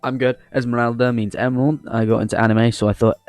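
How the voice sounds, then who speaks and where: A deep-voiced man from England hosts a gaming video channel, rambling casually through a playthrough and reading game dialogue aloud with a cheeky, joking manner. His delivery is flat and quick, with a darkish tone. The recording has no room sound and faint music in the background.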